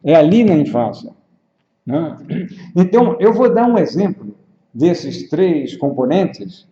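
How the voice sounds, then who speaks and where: A man coaching public speaking, explaining at a measured pace with frequent pauses and tag questions. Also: on the high side, big pitch swings, warm tone. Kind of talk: explanatory lesson at a whiteboard. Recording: roomy, echoey, dull lo-fi sound.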